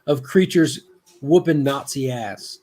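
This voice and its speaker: A man's voice: mid-range voice, slow, dark tone. Joking man in casual chat. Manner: joking, laughs often. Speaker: guest on a livestream.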